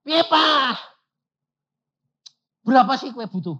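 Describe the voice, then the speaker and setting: A man voicing his anxious young adult son, talking excitedly. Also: very high-pitched, slow pace, husky, pitched above the performer's own voice, heavily acted. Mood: eager. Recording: lo-fi recording.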